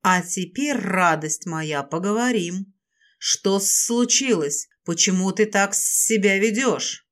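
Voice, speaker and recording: Audiobook serpent lord, voiced by a woman, domineering, possessive, low, commanding. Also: takes it slowly, a bit bright.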